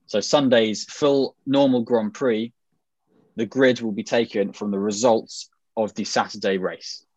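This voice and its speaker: A man's voice: fairly low pitch, fairly even intonation, a little slow, a little mellow, no echo. Modern British RP man hosting, dry dull recording. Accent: British Received Pronunciation. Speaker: podcast host. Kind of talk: casual podcast presenting.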